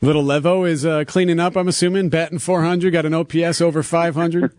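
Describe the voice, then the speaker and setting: A man's voice: fairly high pitch, little pitch movement, brisk, a little mellow, no room sound, clean studio sound. A man hosting a morning radio show, chatting casually in a joking, teasing way as he interviews a guest.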